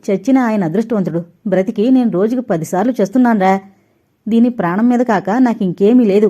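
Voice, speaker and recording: A woman reads a grieving older mother in a storybook audio novel, bitter and fierce. Her words come out raw and accusing, in a mellow, dark-toned voice. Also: mid-range voice, a little fast, muffled recording, lightly acted. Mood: anguished.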